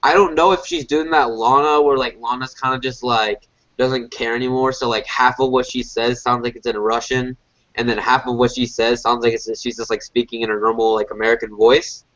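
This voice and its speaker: A man's voice: mid-range voice, steady tone, a little fast, a bit bright. A man co-hosting a casual review podcast, congested as if a little sick, rambling with lots of fillers and restarts. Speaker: podcast co-host. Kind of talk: casual wrestling review chat. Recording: dull lo-fi podcast audio.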